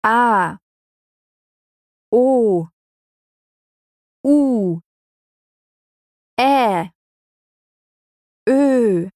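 A woman narrating a scripted language lesson, slow, expressive and clearly articulated, recorded on a studio microphone. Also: fairly high pitch, no echo.

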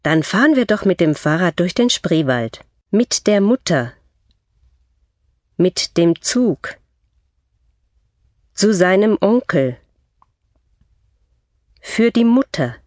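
A woman reading scripted textbook dialogue for a language course with slow, clear enunciation. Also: lowish voice, sing-song, a little mellow, dry recording.

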